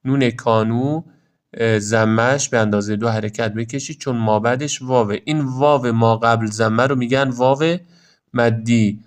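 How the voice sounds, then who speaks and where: Smooth-voiced man teaching recitation. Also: medium pitch, fairly even intonation. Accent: Iranian Persian. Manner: explains letters slowly, then models each word in drawn-out recitation. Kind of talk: tajweed pronunciation lesson.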